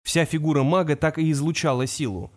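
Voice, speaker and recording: A man narrating a fantasy story in a steady, expressive reading. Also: fairly high pitch, brisk. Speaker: audiobook narrator.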